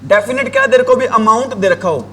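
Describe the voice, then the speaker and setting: His voice sits high and fairly bright, with huge pitch swings and a fairly quick delivery. A male English teacher, he drills a class on grammar with repeated questions he answers himself while writing on a board.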